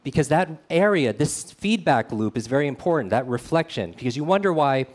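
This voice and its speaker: A man delivers a motivational talk built around a personal story. His voice sits at an ordinary middle pitch. He speaks earnestly and keeps turning to the audience with quick questions. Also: very animated. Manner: earnest, speaks straight to the audience with frequent "right?". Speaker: speaker at a meetup.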